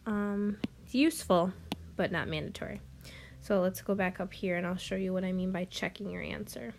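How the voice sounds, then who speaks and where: A woman's voice: mid-range voice, fairly even intonation, brisk, gravelly, darkish tone, slight background noise. A woman teaching a math lesson, walking through each step patiently with frequent ums, a bit out of breath. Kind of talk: recorded classroom lesson.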